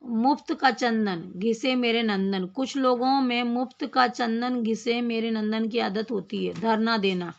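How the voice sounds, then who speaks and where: A woman teaching a grammar lesson, explaining slowly, repeating phrases and asking questions of her class. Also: fairly high pitch, vocal fry, highs cut off.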